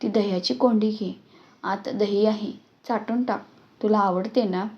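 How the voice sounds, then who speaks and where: A strict village mother who barks orders at her son, as a woman reads her lines. Her scolding is firm and commanding, and she sits at a middling pitch. The recording is muffled and lo-fi. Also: steady tone, a little slow, close to an everyday voice. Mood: gentle.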